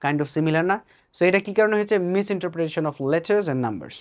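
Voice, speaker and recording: A teacher with a Bangladeshi accent who gives a spoken English lesson, reads the English examples slowly and mixes English words into Bangla with playful asides. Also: medium pitch, lively intonation.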